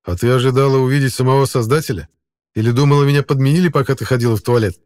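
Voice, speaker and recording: A man's voice: medium pitch, very fast, darkish tone, no echo, studio quality, natural voice. A male narrator voicing a smug, sleepy young man with a teasing, drowsy drawl in an audiobook.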